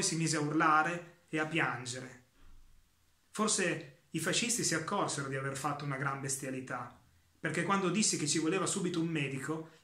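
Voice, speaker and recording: A man reading a short literary story aloud in a calm, measured way, with slow pauses. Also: on the high side, reverberant. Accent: Italian.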